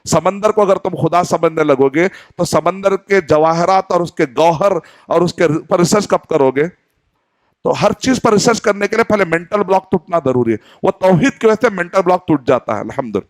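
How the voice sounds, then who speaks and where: A middle-aged preacher from Hyderabad, India, teaching in an earnest way, asking questions and playing out little exchanges. His voice sits a bit high for a man. It is close-miked and very dry, with no room sound. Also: lively intonation, no echo. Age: 40s. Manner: earnest teaching tone, poses questions and acts out dialogue. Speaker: Islamic preacher. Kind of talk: sermon.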